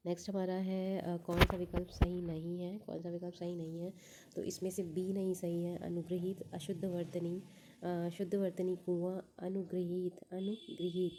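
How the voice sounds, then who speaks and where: Woman, exam prep teacher, flat delivery, faint background hiss. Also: fairly low pitch. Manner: methodical, repeats answers, thinks aloud with fillers. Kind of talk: going over test answers.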